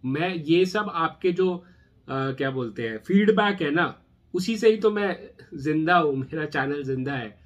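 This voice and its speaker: Casting note: man, talks straight to the viewer, casual explainer, pitch on the high side. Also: animated, a little slow. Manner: conversational, addresses viewer directly, mixes English terms. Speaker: channel host explaining OCD treatment.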